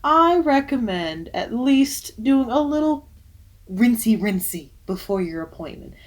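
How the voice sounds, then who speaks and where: A woman's voice: a little high, a little mellow. Chatty young woman giving waxing tips. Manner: chatty, emphatic, jokey asides. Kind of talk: casual vlog advice.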